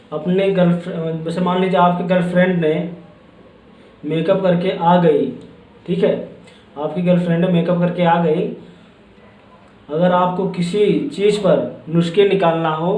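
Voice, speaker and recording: A man teaching a spoken grammar lesson, explaining slowly and checking in with "ठीक है" after each point. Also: high voice, a little mellow. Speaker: English teacher. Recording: echoey room.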